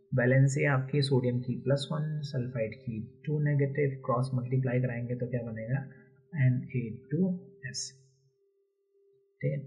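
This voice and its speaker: A man's voice: mid-range voice, husky. A man teaching a chemistry lesson, explaining step by step and repeating key terms often. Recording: dull lo-fi recording.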